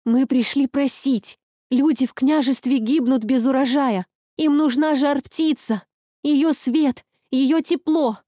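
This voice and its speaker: A woman reading an audiobook plays a frightened young heroine who pleads in a raised, high, urgent voice. Dry and close, with no room sound. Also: slow pace, dark tone, no room sound. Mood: pleading.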